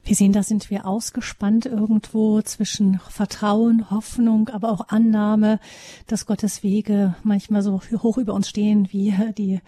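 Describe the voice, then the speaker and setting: A woman host calmly summing up what her guest has said in a reflective interview. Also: medium pitch, unhurried, no room sound, studio quality.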